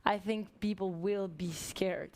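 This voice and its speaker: A woman speaks passionately in a panel discussion, stopping now and then to search for words. Her voice sits at a middle pitch. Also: steady tone, a little slow, a little mellow, slight background noise. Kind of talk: panel debate.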